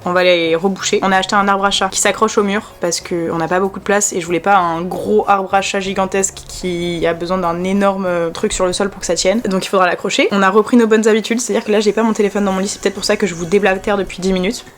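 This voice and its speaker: A woman's voice: mid-range voice, fairly even intonation, fast talker, hardly any pauses. A young adult woman chatting in a casual, rambling way as a vlogger. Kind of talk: casual vlog chat.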